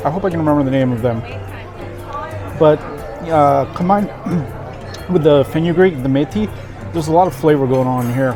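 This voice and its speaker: A man with a slightly high voice talks casually to camera as a food vlogger. He savors each taste with delighted approval, while music plays and a crowd chatters around him. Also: moderate pace, long pauses.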